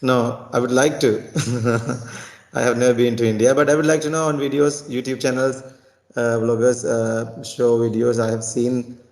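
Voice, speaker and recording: A man's voice: medium pitch, flat delivery, normal speed. A man from Sri Lanka who works as a tutor, chatting casually in English practice and often repeating words and restarting. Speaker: tutor and teacher.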